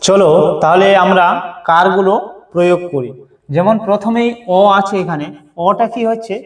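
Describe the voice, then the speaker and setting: A man's voice: high-pitched, moderate pace. A man teaching Bengali vowel signs, asking a question and answering it himself, then chanting examples one after another.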